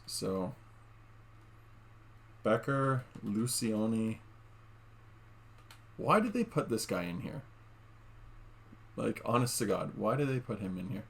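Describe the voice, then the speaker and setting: A man's voice: fairly low pitch, creaky. A man giving casual gameplay commentary at home, chatty and talking straight to his viewers with lots of fillers. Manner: chatty, addresses viewers as guys, many fillers. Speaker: gaming YouTuber. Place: home room.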